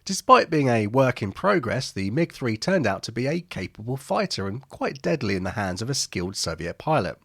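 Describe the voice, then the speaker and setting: Guy doing history voice-over, kinda husky, pitch jumps around a lot, dry sound. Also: big pitch swings, normal speed, few pauses, fairly bright tone, no echo. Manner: wry, jokey asides between statistics. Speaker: aviation history narrator. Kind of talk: scripted documentary narration.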